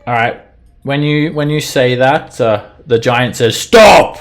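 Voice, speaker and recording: A man running an online tabletop game as game master, narrating casually with halting, improvised phrasing. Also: medium pitch, steady tone.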